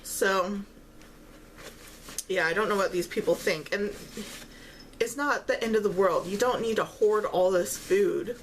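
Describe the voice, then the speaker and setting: A woman chatting casually while eating, chewing as she talks and pausing often between phrases. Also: mid-range voice, a little hiss or hum, low-quality recording. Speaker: vlogger eating on camera while talking. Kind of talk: casual mukbang-style chat.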